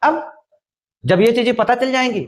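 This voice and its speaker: A man's voice: very high-pitched, normal speed, a little hiss or hum. A man teaching an exam-prep maths lesson, often asking a question and then answering it himself. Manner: repetitive, asks and answers own questions.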